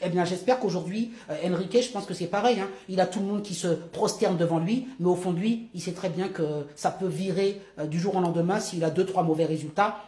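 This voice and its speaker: A man's voice: high voice, brisk, hardly any pauses, dark tone. Chatty man, roomy echo. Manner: chatty and emphatic, addresses the viewer directly. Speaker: motivational video host. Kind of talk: casual motivational monologue.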